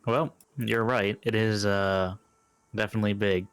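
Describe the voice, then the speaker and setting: A man's voice: fairly low pitch, fairly even intonation, a little slow, fairly bright tone, clean tone, no echo. A man chatting casually as a player in a tabletop role-playing game.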